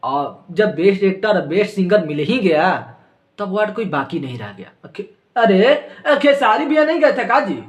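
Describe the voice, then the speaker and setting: A man's voice: high voice, very animated, normal speed. A man with a Bhojpuri accent hosting a casual comic gossip chat, teasing and rambling with asides. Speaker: host of a gossip channel.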